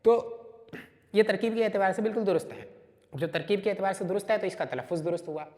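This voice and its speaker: A man's voice: high-pitched, a little mellow. Man teaching in an echoey hall. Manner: explains step by step, often checking "right?"; reads Arabic text then translates and explains it. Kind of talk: lecture explaining a classical text.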